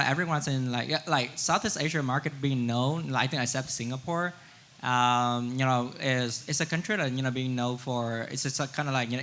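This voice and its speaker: A man from Vietnam speaking on a conference panel, halting, with many fillers. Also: medium pitch, a bit bright. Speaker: panelist, crypto wallet founder. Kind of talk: panel discussion answers.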